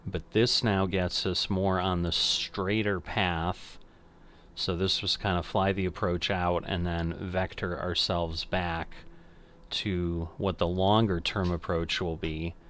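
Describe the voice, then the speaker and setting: A man's voice: low-pitched, little pitch movement, takes it slowly, fairly bright tone. An older man casually commenting on a flight simulator game, thinking aloud and correcting himself as he goes. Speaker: flight sim streamer.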